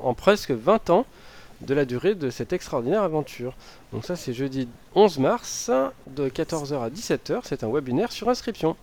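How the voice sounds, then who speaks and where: A man's voice: mid-range voice, a little mellow. A man co-hosting a radio show, presenting listings in a casual way.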